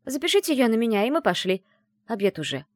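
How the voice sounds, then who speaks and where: A scheming young female student mage, as a woman reads her, high and bright, chattering fast and bossing her friend around. Her voice jumps about with excitement, loud and pushy. A storybook figure full of mischief. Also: no echo, clean studio sound. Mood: cheerful, coaxing.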